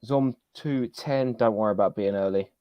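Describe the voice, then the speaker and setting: A man's voice: lowish voice, moderate pace, no echo, dull audio. A man hosting a live toy podcast stream, upbeat, greeting viewers one by one in casual chat. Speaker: podcast host.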